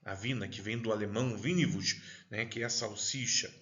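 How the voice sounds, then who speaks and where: A man's voice: fairly low pitch, fairly quick, fairly bright tone, lo-fi sound. A male teacher with a Paraná accent giving a recorded class lecture, chatty and digressive, constantly checking in with the listener. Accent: Paraná, southern Brazil.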